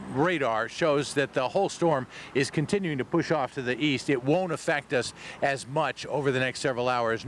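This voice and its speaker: American weather guy doing a live forecast outside, folksy, mid pitch, bit of noise behind him. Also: fairly bright tone. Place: outdoors on a city waterfront at night. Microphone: handheld microphone. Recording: noisy outdoor live broadcast.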